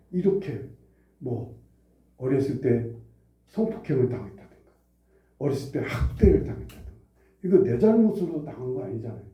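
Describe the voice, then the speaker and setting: A man's voice: fairly high pitch, reverberant, far from the mic, lo-fi sound. A male pastor preaching a sermon, who repeats phrases for emphasis and asks the congregation questions. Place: church sanctuary.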